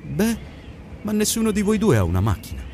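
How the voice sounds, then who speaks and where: Stranded motorist, middle-aged, nervy, stammering and high-pitched, as a male reader plays him. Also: huge pitch swings, brisk, dark tone, a little hiss or hum, exaggerated voice. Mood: anxious.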